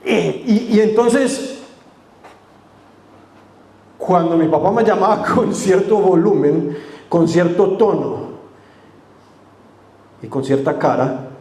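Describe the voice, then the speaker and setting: Male pastor, high mellow voice, earnest sermon, roomy church mic. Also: slow, pauses often. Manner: earnest, addressing the congregation directly; dramatic drops to a hushed voice for quotes. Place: church sanctuary. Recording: echoey church room.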